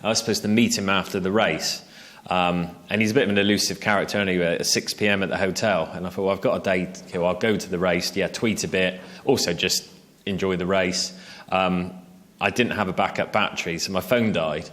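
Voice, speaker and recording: English guy, low voice, chatty journalist yarn with lots of "you know"s. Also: fairly even intonation, brisk, a bit bright. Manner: chatty, self-deprecating, many fillers and asides. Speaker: freelance cycling journalist, interviewee. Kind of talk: relaxed anecdotal storytelling. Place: festival stage interview, indoors.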